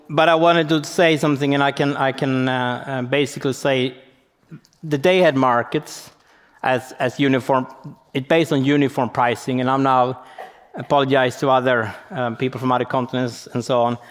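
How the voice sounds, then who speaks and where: A man's voice: medium pitch, steady tone, normal speed, smooth. Man presenting in a reverberant hall. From Sweden. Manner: explanatory, thinking aloud. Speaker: conference speaker. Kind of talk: conference presentation. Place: conference venue hall.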